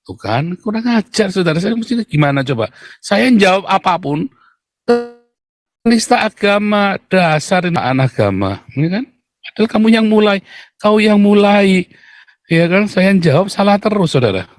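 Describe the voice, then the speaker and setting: A man argues to his viewers in a sarcastic, theatrical monologue. His voice sits high, and he keeps turning back to the listeners to press his point. The sound is dry and close, with no room echo. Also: animated, moderate pace. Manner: mocking, theatrical, repeatedly addresses listeners as "saudara"; jumps into high shouted voices when mimicking critics. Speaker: religious debater addressing viewers. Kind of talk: polemic monologue to an audience.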